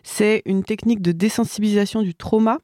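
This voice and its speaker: A woman on a panel explains a therapy technique step by step, with some hesitations along the way. Her voice is dark and soft, and the sound is dry and close. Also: medium pitch, steady tone, brisk, no room sound. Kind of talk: explanatory discussion.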